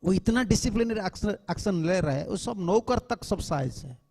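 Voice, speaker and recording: A man's voice: sits high, animated, normal speed, darkish tone, husky. A man, a swami, giving an earnest temple lecture to devotees, admonishing them and mixing English words into his speech. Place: temple hall. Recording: long hall reverb.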